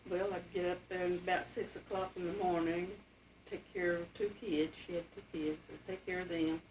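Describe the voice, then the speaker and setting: A woman's voice: lowish voice, level tone, brisk. An elderly woman with an Appalachian accent reminisces casually about family history in plainspoken, folksy speech. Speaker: interviewee telling family history. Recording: distant mic, clearly noisy home recording.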